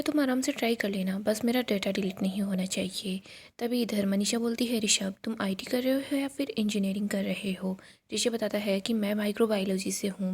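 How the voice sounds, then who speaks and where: A woman's voice: medium pitch, a little mellow, breathy edge. A woman narrating a TV serial episode in storytelling style, reading out each character's lines in her own voice.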